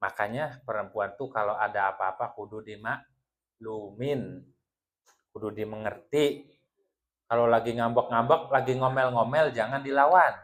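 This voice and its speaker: A man's voice: mid-range voice, unhurried, a bit bright. Playful man giving a joking religious talk. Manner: playful, teasing, laughs often with the audience. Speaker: Islamic teacher leading a women's study group.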